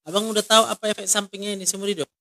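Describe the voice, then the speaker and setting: A man's voice: sits high, fairly even intonation, very fast, creaky, bright, forceful tone, no room sound. A man, counseling someone one-on-one and asking many short, direct questions. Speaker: counselor in a ministry.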